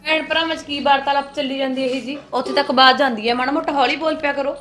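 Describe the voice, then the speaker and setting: A woman's voice: high voice, steady tone, fast talker, fairly bright tone, faint music behind. A woman playing a stern elder sister-in-law in a family short film, lecturing and scolding the younger wife. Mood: chiding.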